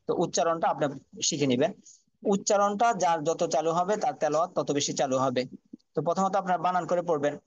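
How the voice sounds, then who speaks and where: A man's voice: a little high, dull audio. A man teaching Quran reading online, patiently spelling out Arabic letters and drilling each sound.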